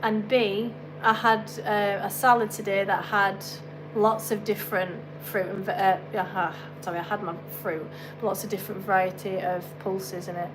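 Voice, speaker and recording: With background noise behind her, the English-accented fitness coach talks at normal speed with hardly any pauses, her mid-range voice fairly even in intonation. She's running a relaxed live Q&A from her home kitchen, chatty and rambling, with asides while she cooks.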